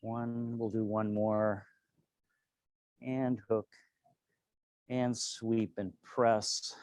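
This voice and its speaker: A man with a fairly low voice leads a tai chi tutorial. He gives serene, unhurried cues one movement at a time. The sound is very dry, with next to no room in it. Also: level tone, darkish tone, no echo. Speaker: tai chi and qigong instructor.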